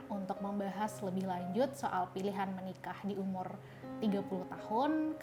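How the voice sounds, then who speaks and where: A woman with an Indonesian accent hosting a panel talk, calm and measured as she prompts her guests. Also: mid-range voice. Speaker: host.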